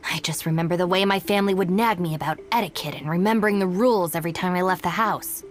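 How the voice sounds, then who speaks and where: A woman's voice: fairly low pitch, quick pace, a little hiss or hum, lightly acted. A woman voicing a cool, practical young woman in a video game, with a dry, businesslike, matter-of-fact delivery. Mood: dry, weary. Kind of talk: English game voice acting.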